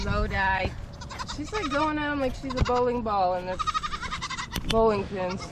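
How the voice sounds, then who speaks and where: A goat farmer with a fairly high voice narrates a casual vlog at an unhurried pace, chatty and affectionate as she talks to her animals. She's outdoors in a goat pasture, with goats bleating and faint outdoor ambience around her.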